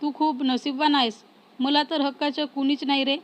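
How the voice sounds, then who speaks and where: A woman reading the lines of a caring, tearful young woman in a storybook romance, softly and evenly. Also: high voice, flat delivery, moderate pace, close to an everyday voice.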